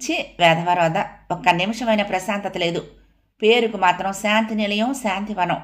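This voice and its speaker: A woman reads a sharp-tongued young wife in an audio novel, her lines raised and snapping with indignation. The pitch climbs above her narrating voice. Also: normal speed, lightly acted. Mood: indignant.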